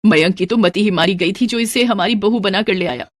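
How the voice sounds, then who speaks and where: A woman's voice: medium pitch, fairly quick, dry recording, natural voice. A woman voicing an exasperated middle-aged mother-in-law who scolds and frets.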